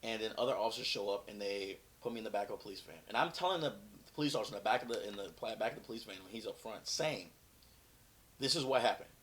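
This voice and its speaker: Guy, ex cop, low voice, tells his story straight and acts out who said what. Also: very fast, hardly any pauses. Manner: frank, animated storytelling with quoted dialogue. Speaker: former police officer, guest. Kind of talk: telling a personal story in an interview.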